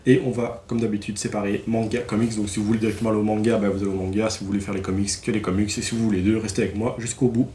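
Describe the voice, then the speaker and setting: A man's voice: on the low side, flat delivery, very fast, few pauses, dark tone, reverberant, slight background noise. A man casually reviewing new comic releases, enthusiastic and slangy, with lots of fillers and restarts.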